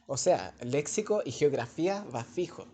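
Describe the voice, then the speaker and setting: A man's voice: on the high side, animated, moderate pace, warm tone, slight background noise. Young Chilean man as a teaching assistant, loose and rambling, slang-heavy, captured on a phone in class. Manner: chatty and digressive, with casual slang. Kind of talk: informal classroom explanation. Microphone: phone held by a student.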